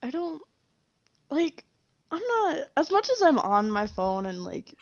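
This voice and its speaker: Hesitant high-voiced woman. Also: sing-song, measured pace, no room sound, lo-fi sound. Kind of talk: casual chat.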